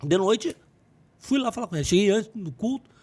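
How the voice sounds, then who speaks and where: Earnest middle-aged pastor. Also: male voice, high voice, expressive, normal speed, a little mellow, husky. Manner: earnest storytelling, acts out dialogue. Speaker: pastor and podcast guest. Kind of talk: testimony in a podcast interview.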